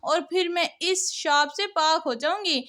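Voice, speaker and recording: A woman's voice: extremely high pitch, a little slow, bright, forceful tone, full character voice. A woman voicing a cruel, shape-shifting young witch wife in a cartoon story. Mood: spiteful.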